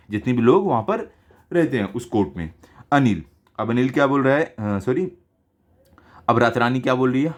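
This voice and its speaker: A man teaching a school Hindi lesson, reading story lines slowly and then explaining them in simple words. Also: medium pitch, darkish tone.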